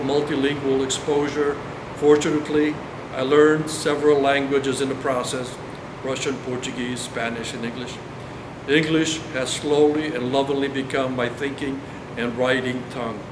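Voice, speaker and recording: A man from Brazil reading his own poetry aloud in a slow, measured recital. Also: mid-range voice. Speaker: poet. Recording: echoey hall with air-conditioning hum.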